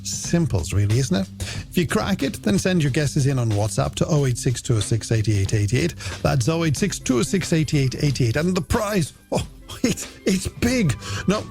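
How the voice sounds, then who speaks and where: An Irish man hosts a late-night radio music show with a playful, theatrical, polished delivery, running game segments and shout-outs. His voice is a little high and darkish, with vocal fry. A music bed plays underneath.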